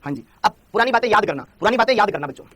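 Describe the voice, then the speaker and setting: A man's voice: high-pitched, expressive, rapid-fire, fairly bright tone, no echo. A young man teaching a chemistry lecture, repeating points and coaxing his students to answer. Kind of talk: Hindi classroom lecture.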